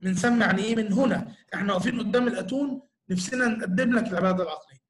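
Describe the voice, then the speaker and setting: Egyptian male church teacher, high voice, quick, earnest Q&A explainer. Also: crowd noise. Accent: Egyptian Arabic. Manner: earnest, explanatory, full of rhetorical questions. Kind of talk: answering audience questions in a talk.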